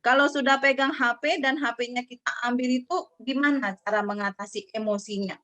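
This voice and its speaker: Bright-voiced woman webinar moderator. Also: fairly high pitch, steady tone, a little fast. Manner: friendly, polite, reads out questions. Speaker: seminar moderator. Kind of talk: moderating a webinar over video call. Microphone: video call.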